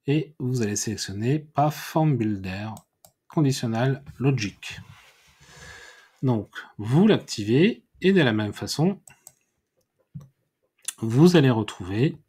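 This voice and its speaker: A man giving a screen-recorded software tutorial, thinking aloud and correcting himself as he clicks through menus. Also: mid-range voice, breathy edge. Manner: unhurried, thinking aloud with many fillers and self-corrections. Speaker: WordPress tutorial instructor.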